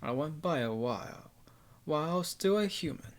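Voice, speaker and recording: A man voicing an ancient male vampire with a heavy voice, speaking in a formal, measured, menacing way while reading a visual novel aloud. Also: a little high, animated, natural voice.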